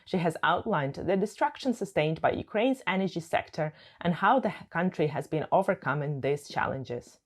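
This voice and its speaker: Lively, lower-pitched woman news presenter. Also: moderate pace, few pauses, slightly rough. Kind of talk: scripted news narration.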